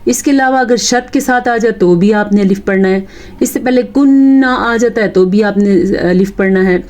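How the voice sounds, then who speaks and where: A woman teaching Quran recitation in a Pakistani Urdu accent, chanting verses slowly and then explaining pronunciation rules and correcting common mistakes. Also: a little high, darkish tone. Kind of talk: tajweed lesson.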